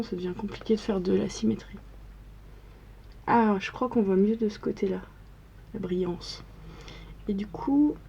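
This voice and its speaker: Soft-toned young woman narrating makeup. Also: mid-range voice, gravelly, highs cut off, slight background noise. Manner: chatty, step-by-step narration. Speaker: makeup vlogger. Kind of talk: casual makeup tutorial talk.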